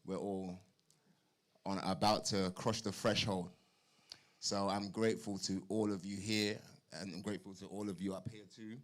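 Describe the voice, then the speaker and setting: A man talks in a lowish voice at a boxing press conference. He is informal and playful, often repeating a phrase for effect. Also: flat delivery, moderate pace.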